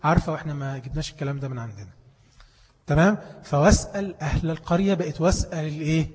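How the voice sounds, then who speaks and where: A man's voice: fairly high pitch, racing, darkish tone, slight background noise. A male teacher with an Egyptian Arabic accent gives a classroom lesson, firing questions at his listeners and then answering them himself. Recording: long hall reverb.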